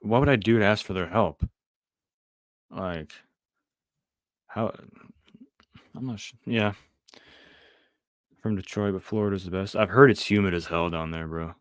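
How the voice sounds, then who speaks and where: Low-voiced young man chatting with viewers. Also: unhurried, pauses often, no room sound, studio quality. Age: young adult. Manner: answers viewer chat loosely, trails off into mumbled asides. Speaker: podcast host. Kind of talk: casual live-stream chat.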